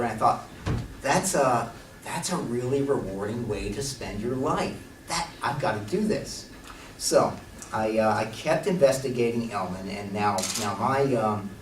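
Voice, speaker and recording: A man on a conference panel speaking earnestly and enthusiastically about hypnosis training. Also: mid-range voice. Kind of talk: panel talk. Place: conference hall. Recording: echoey hall, distant mic, background noise.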